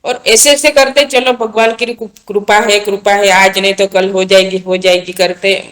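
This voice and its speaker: Speaking at a moderate pace with fairly even intonation, an earnest woman with a medium-pitched, slightly bright voice recounts her faith experience as an interview guest. The talk is plain and casual, with frequent repeated and restarted phrases as the story unfolds.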